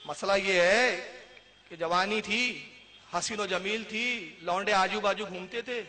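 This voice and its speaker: A man voicing an aging widowed mother who confesses slowly and haltingly, in a long hall reverb. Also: sits high, pushed and bright. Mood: confessing.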